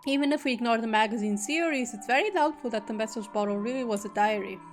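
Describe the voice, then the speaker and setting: Female streamer, slightly high voice, reads game text aloud and drops quick jokey asides. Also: faint music behind. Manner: reads narration steadily, breaks off into joking asides. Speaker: streamer reading a visual novel aloud. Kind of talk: reading aloud with casual asides.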